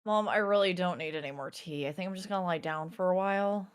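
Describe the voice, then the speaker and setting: A woman's voice: lowish voice, fast talker, clean tone, lightly acted. A woman voicing a tired young woman with a cold who just wants to lie down. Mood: weary. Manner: weary, apologetic.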